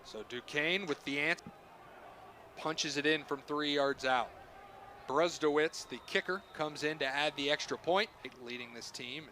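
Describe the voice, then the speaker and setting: A man's voice: a little high, unhurried, bright, forceful tone, slight background noise. A man calling live football play-by-play in short phrases that follow the action. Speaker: play-by-play announcer. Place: stadium broadcast booth.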